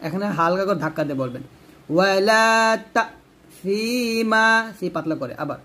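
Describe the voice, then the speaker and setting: A man teaching Quran reading, reciting Arabic words slowly and drawing out the syllables, then explaining the pronunciation rules step by step. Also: on the high side, fairly bright tone. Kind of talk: tajweed recitation lesson.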